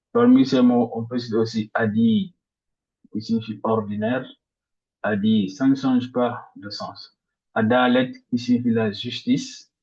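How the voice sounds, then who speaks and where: A man teaching a grammar lesson step by step, repeating each example word slowly, with frequent restarts and hesitations. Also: mid-range voice. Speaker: language teacher. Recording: slightly dull lo-fi audio.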